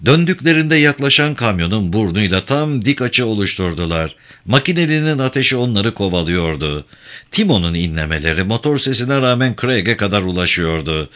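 Bright-toned male audiobook narrator. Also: fairly low pitch, lively intonation. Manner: dramatic measured reading.

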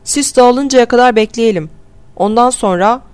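A loud, commanding man addresses a frightened crowd, as a woman reading a story puts him on. He speaks in raised, forceful bursts. It is an audiobook reading by a single narrator. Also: a little high, moderate pace, no echo, voice pushed up, natural voice.

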